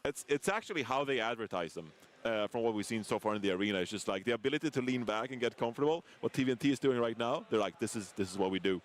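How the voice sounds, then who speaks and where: A man's voice: mid-range voice, fast, slight background noise. A man casting a professional esports match, giving analytical play-by-play and joking with his co-caster. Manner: energetic, analytical play-by-play with banter. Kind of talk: esports commentary.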